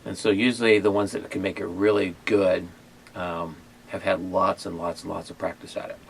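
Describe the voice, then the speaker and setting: Halting low-voiced man hosting a taste test. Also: level tone, creaky, slight background noise. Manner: hesitant, many fillers and restarts. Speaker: ministry owner and host. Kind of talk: casual chat and taste test.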